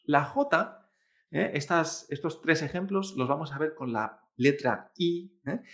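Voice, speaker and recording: A male Chinese teacher giving a pronunciation lesson, patiently modelling each sound slowly and repeating it, often tagging "¿eh?" and "¿vale?". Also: on the high side, fairly bright tone. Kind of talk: language lesson.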